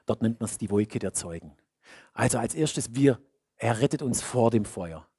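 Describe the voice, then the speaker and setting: Husky preacher, swinging loud to hushed. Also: male voice, mid-range voice, expressive, moderate pace, no room sound, clean studio sound. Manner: emphatic, repeats key phrases, swings between loud and hushed. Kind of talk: sermon.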